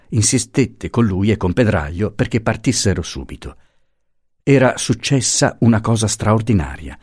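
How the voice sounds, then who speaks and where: A man narrating a classic novel as an audiobook reader, in a measured, expressive storytelling manner. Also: lowish voice, no room sound, studio quality. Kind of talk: scripted narration.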